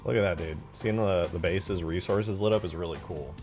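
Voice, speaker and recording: A streamer building video game mods chats on a livestream in a laid-back, slangy, profane way. He has a low voice and a moderate pace, with music playing in the background.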